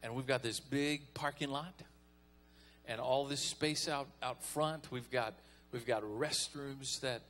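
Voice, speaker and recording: A man's voice: medium pitch, steady tone, slow, a bit bright, soft background music. A man preaching a folksy, conversational sermon as pastor, calling on the congregation to respond.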